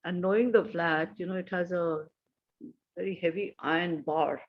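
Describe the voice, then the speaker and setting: Older Indian woman telling a story haltingly. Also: on the low side, steady tone, lo-fi sound. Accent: Indian English. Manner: halting, anecdotal, frequent pauses and restarts. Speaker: guest. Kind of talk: casual storytelling conversation.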